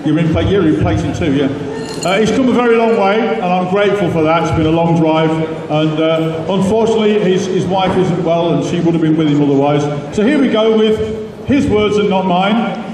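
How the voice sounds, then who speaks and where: A man with a fairly high voice makes live introductions as a competition announcer. He sounds distant, with strong echo from a big hall and a crowd around him. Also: brisk. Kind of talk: live master of ceremonies introductions. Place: large indoor hall. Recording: echoey hall from far off, crowd behind.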